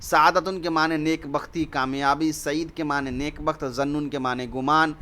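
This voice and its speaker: A man's voice: fairly high pitch, steady tone, bright, forceful tone. A man with an Indian Urdu accent teaching an online Arabic grammar lesson, explaining step by step and mixing in English words.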